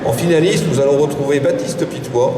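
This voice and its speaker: A man's voice: on the high side, a little fast. Male live awards presenter, hesitant improvised delivery, distant and echoey in a noisy event hall. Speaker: awards ceremony host. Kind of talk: live stage prize presentation. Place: large indoor car show hall.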